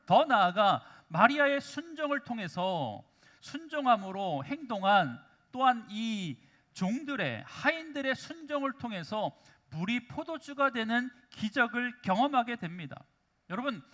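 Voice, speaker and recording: Bright high-voiced man preaching a sermon. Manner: keeps calling out to the congregation, asks rhetorical questions. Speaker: pastor. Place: church sanctuary.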